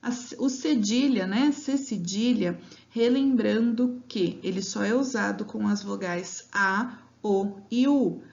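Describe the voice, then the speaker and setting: A woman's voice: medium pitch, creaky, darkish tone. A woman teacher giving a grammar lesson to children, drawing out words syllable by syllable and checking in with "né?" and "tá?". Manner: patient, drawn-out syllables with frequent "né?" and "tá?". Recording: dull lo-fi home recording.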